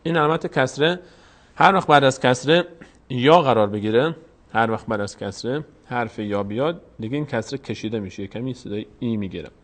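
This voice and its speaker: In a mid-range voice, a man leads a step-by-step Quran reading lesson. He patiently explains each vowel mark and repeats words slowly.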